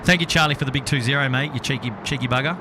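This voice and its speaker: A man's voice: mid-range voice, very fast. A man with a broad Australian accent hosting a casual livestream, chatting in a matey, colloquial way. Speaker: livestream host. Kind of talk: casual live plane-spotting chat. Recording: outdoor, loud traffic and vehicle noise. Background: loud outdoor city and vehicle noise.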